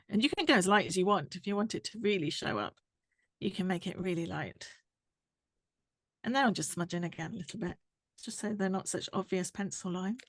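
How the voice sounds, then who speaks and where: A woman, explaining a drawing tutorial step by step while she works, her voice going hoarse. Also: medium pitch, no echo, studio quality. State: losing her voice. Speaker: art tutor.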